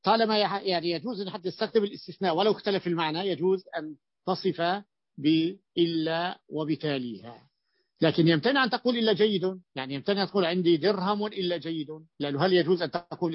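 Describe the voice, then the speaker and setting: A man's voice: sits high, no echo. A man teaching a grammar lesson as sheikh, explaining and quizzing his students with frequent restarts. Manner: explanatory, asks students questions, many restarts. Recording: dull lo-fi dry recording.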